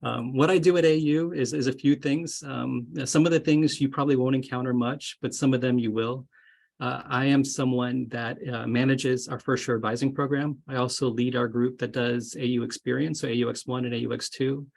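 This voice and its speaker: With vocal fry in his mid-range voice, an associate dean in his thirties chats casually with incoming students over video. The webinar talk is friendly and meandering, heavy on fillers. He grew up moving around, mostly in Florida, and is indoors at home or in an office.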